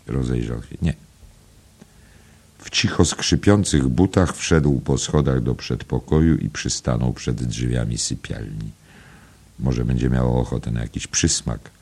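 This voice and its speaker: Super deep guy reading a novel, slow and gravelly. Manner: calm, unhurried literary reading. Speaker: audiobook narrator. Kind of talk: scripted narration.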